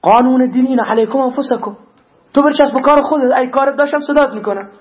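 Guy preaching a sermon, high voice, reciting verses, echoey dull recording. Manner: animated preaching, interleaving recited Arabic verses. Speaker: cleric.

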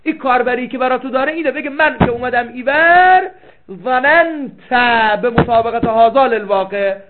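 A man's voice: very high-pitched, noisy background. A man teaching a seminary class, reading out Arabic text and explaining it with rhetorical questions, repeating key phrases for emphasis. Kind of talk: classroom lecture. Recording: tinny lo-fi phone-like recording.

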